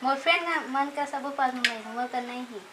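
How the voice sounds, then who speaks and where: A woman with a Chhattisgarhi accent playing a teenage daughter, soft and pleading. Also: high voice, brisk, recorded from a distance, noisy background, close to an everyday voice.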